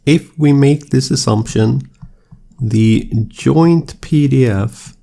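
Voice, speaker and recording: A man explaining statistics as a lecturer, in a measured, steady, explanatory way. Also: on the low side, gravelly. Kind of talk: scripted lecture narration.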